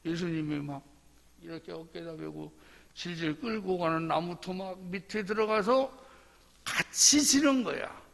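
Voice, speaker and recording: A male pastor preaching a dawn sermon slowly and emphatically, repeating his points and acting out the story. His voice is fairly high and gravelly, and the long reverb of a church sanctuary trails behind it. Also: fairly bright tone. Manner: emphatic, repetitive, dramatic storytelling.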